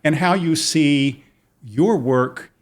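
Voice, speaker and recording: A man's voice: a little high, slow pace. A man hosting an interview, talking in a casual, hesitant way with many restarts. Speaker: host.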